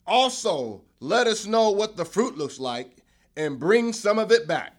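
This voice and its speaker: A man playing Moses in a children's Bible skit, proclaiming loudly to a crowd. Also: high voice, big pitch swings, measured pace, exaggerated voice. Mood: rousing. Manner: loud, proclaiming speech to a crowd. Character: Moses, bold male leader addressing his people.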